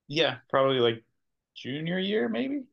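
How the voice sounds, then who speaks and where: A man's voice: on the high side, sing-song, unhurried, vocal fry, dull audio. A man with an American accent chats casually as an interview guest, in a hesitant, understated way. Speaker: podcast guest, sketch comedian. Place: remote video call.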